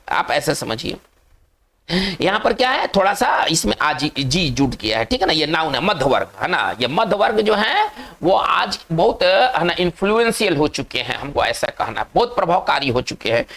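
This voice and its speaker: Gravelly Hindi-speaking vocabulary teacher. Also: male voice, sits high, a bit bright. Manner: repeats words slowly, frequent "है ना" tags. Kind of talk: classroom lecture in Hindi with English terms.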